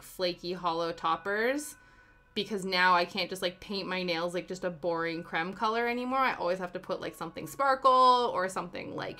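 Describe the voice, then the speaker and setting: A young woman from Canada with a fairly low, bright, forceful voice chats casually on a live stream from her home in the UK. She answers chat with giggly asides while faint music plays behind her.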